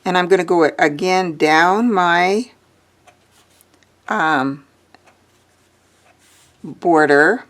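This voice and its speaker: Woman, art teacher, slow unhurried delivery, thinking aloud while drawing, has the hiccups. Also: fairly low pitch, fairly bright tone. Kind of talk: drawing lesson narration.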